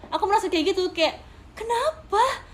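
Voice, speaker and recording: High-voiced chatty young woman. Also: expressive, quick pace. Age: young adult. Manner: chatty, laughs often, emphatic asides to viewers. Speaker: idol streaming to fans. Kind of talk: casual livestream storytelling.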